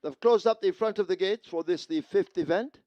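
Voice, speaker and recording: Male track announcer heard through loudspeakers from afar, high-pitched and dry, urging bettors on. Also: brisk, no room sound, muffled recording. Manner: loud, urgent calling out of betting pools. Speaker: racetrack announcer. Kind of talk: public address announcements. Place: outdoor racetrack.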